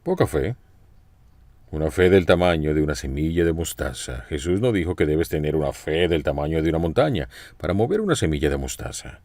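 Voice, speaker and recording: A man with a low, deep voice preaches a sermon, his pitch rising and falling widely as he tells the story. He speaks with expression and turns often to ask his listeners direct questions. The recording is dry, with no room sound. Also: animated, fairly quick, darkish tone, no room sound.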